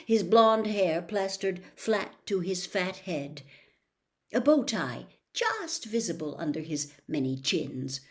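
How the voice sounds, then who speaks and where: A woman reads a story aloud as an audiobook narrator, sounding expressive and dramatic with emphatic phrasing, in a lowish voice.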